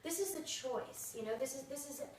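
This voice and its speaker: A woman's voice: high voice, a little fast, darkish tone, a little hiss or hum. A woman acting coach chatting casually and earnestly about her craft. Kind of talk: casual chat. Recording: echoey room from far off.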